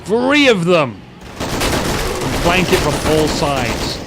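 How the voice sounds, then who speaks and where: A man's voice: fairly high pitch, very animated, extremely slow. A man casually commentating a strategy war game, rambling with joking asides. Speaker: gameplay commentator. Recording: loud game gunfire underneath. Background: gunfire and vehicle noise from the game.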